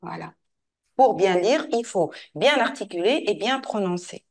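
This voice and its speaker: A woman teacher leads a French lesson. She speaks patiently at a mid pitch, repeating and slowly modeling words so the pupil can follow. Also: lively intonation.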